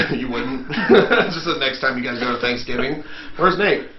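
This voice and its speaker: A man's voice: mid-range voice, unhurried, a crowd in the background. A man, a rap artist guest, telling a story in casual chat, laughing often and acting out what others said. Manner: animated, laughing often, acts out quotes. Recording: roomy, slightly dull sound.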